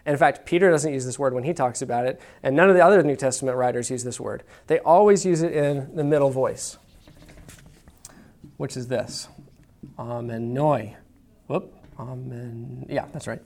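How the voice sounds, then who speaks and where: Addressing his congregation in a church room, a pastor delivers a relaxed, chatty sermon and keeps asking "okay?" along the way. He talks at normal speed with a medium, slightly mellow voice.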